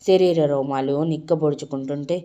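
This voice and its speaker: A woman storyteller reading an audio love story aloud in a steady way, now and then correcting herself mid-word. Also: sits low, a little fast.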